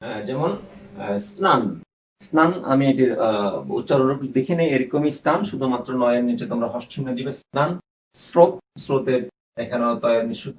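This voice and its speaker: A male teacher giving a recorded class lesson, sounding out words slowly and repeating them for his students. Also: mid-range voice, slight background noise, low-quality recording.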